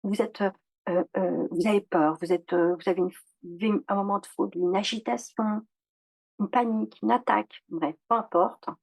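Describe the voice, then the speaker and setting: A woman coach guiding listeners through a tapping routine, calmly repeating short phrases as she demonstrates. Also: medium pitch, normal speed, dry recording, low-quality recording. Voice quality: gravelly, husky. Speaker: EFT coach. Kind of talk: instructional demonstration.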